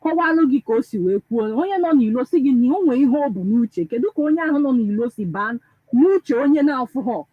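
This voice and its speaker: A man with a Nigerian Igbo accent and a husky middle-pitched voice who speaks in a questioning way and quotes scripture. His audio comes through tinny and phone-like, with no room echo. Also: animated, fast talker. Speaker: radio show panelist. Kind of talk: casual radio talk mixing Igbo and English.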